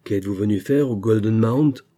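A man's voice: fairly low pitch, moderate pace, lightly acted. A man voicing a brash, menacing gang leader. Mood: threatening. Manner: raised, loud, confrontational delivery. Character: hostile, brash adult male Texan gang leader.

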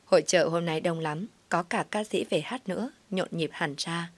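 Low-voiced woman telling a story. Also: normal speed, no room sound. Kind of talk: first-person story narration.

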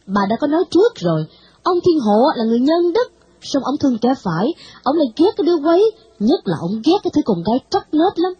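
A woman's voice: high-pitched, big pitch swings, fast talker, dark tone, highs cut off, faint music behind, voice pushed up. A woman voicing a stern older matron who harshly lectures an orphan girl. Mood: scolding.

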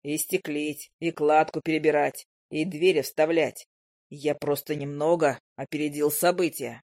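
Woman putting on a gruff hunter man, low and slow, totally unbothered, dry close sound. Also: steady tone, darkish tone, no echo. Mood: calm deadpan. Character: gruff male hunter, calm, stubborn and matter-of-fact.

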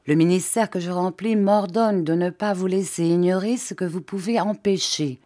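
A woman's voice: on the low side, moderate pace, mellow, lightly acted. A woman voicing a stern, zealous male village priest who scolds and preaches with fire in an audiobook reading. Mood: grave.

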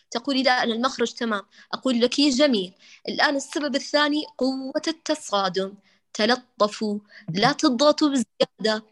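A woman leads a Quran recitation lesson, her voice sitting a little high. She explains patiently, demonstrating each letter sound again and again, and addresses her students with warm terms of endearment. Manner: affectionate, addresses students as dears. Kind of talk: online class, tajweed correction lesson.

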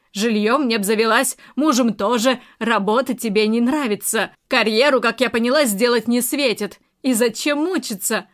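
A woman's voice: on the high side, fairly bright tone, lightly acted. Woman voicing a mocking, domineering older aunt. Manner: mocking, scornful.

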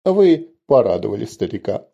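A man's voice: medium pitch, animated, dark tone. A man voicing a spider-like armored lord who hisses and draws out his words. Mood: kindly. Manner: hissing, drawn-out words. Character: spider-like armored male lord, old and menacing. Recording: dull lo-fi recording.

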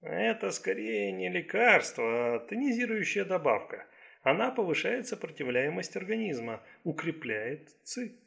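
A man reading the lines of a calm middle-aged male Chinese herbal doctor in an audiobook, in a slow, gentle, measured way. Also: sits high, gravelly, pitched above the performer's own voice, heavily acted.

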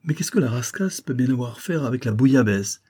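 A man voicing an anxious, excitable comic detective who talks in theatrical exclamations. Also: medium pitch, fairly quick, slightly rough, voice pushed up. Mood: musing.

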